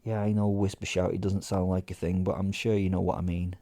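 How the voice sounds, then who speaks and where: A man with a low, mellow voice narrates a first-person horror comedy in character, speaking fairly quickly in a level tone. He's conversational and sweary, sardonic and theatrically indignant.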